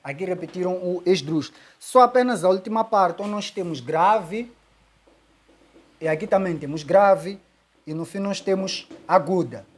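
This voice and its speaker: A woman's voice: on the low side, moderate pace. Woman teacher explaining step by step. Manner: explains step by step, repeats key words, asks "ok?". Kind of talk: exam-solving lesson.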